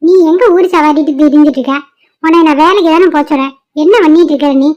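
A woman's voice: high-pitched, fast, darkish tone, lightly acted. A woman voicing an older village mother, nagging her grown son in a cartoon. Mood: scolding. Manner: nagging, scolding. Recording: dull lo-fi cartoon audio.

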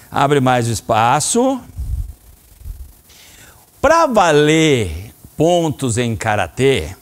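A middle-aged man with a Brazilian Portuguese accent teaching a children's karate class in a training hall, calling out commands and explaining techniques. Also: fairly high pitch. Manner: lively, coaching commands to children. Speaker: karate instructor.

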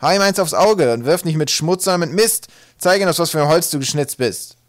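A man voicing a scornful troll father in an audiobook, who barks orders loudly and harshly. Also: a little high, expressive, fairly quick, no room sound, studio quality, pitched above the performer's own voice, close to an everyday voice. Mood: gruff. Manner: loud, barking orders. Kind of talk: audiobook character voice.

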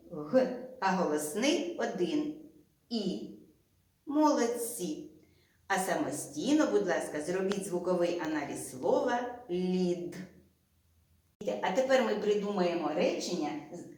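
A woman teacher with a Ukrainian accent leading a slow, deliberate reading lesson for young children, drawing out each sound and word. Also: mid-range voice, darkish tone, very echoey, distant mic. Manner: slow and drawn-out, stretching out sounds and words. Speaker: primary school teacher.

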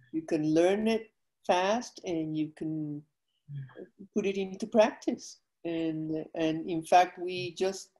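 A woman's voice: lowish voice, dark tone, poor audio. An older woman from Guatemala, a foundation president, explaining her work earnestly over a video call while feeling weak from illness.

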